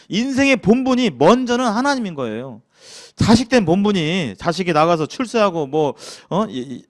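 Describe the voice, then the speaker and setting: Lively Jeolla-accented man teaching Bible. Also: high voice. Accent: Jeolla Korean. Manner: lively, acts out grumbling quotes, chuckles, asks the class questions. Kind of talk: casual church lecture.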